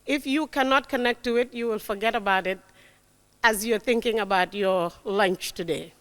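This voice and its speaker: With a clean, medium-pitched voice at normal speed, a woman in her forties gives an emphatic, warm motivational talk to young people as a guest speaker. She repeats key words and frequently checks in with "right?" in a lecture hall with long reverb.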